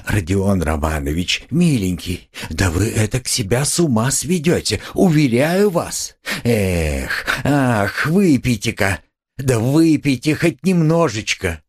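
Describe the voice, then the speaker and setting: A man's voice: mid-range voice, big pitch swings, slow, slightly rough, full character voice. A man reading an audiobook, voicing a sly, fawning middle-aged police investigator who peppers his talk with old-fashioned polite endings. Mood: fussing alarmed.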